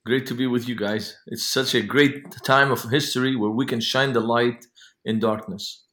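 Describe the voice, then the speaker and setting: A man's voice: mid-range voice, steady tone, normal speed, a bit bright. A man in his fifties from Lebanon, a ministry founder answering interview questions in an earnest storytelling way. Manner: earnest, laughs while telling stories. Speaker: podcast guest, ministry founder.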